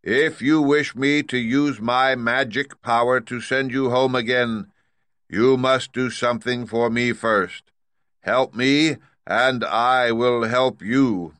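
A man voicing a stern, commanding giant magic head that speaks slowly and loudly in a storybook reading. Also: medium pitch, fairly even intonation, no echo, pitched above the performer's own voice. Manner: slow, commanding, loud.

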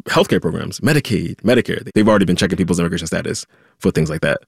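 A man with a very deep, gravelly voice hosts a conversational news podcast. He talks casually and jumps in with quick reactions. His sound is close and dry. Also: no echo. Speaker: podcast host.

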